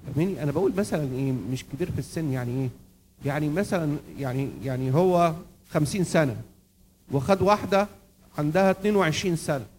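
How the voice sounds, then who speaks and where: A man's voice: on the high side, quick pace, a little mellow, slight background noise, poor audio. A man with an Egyptian accent giving a church lecture, who keeps asking the audience questions and then answers them himself. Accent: Egyptian Arabic. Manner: quizzes the audience and answers his own questions. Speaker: church speaker.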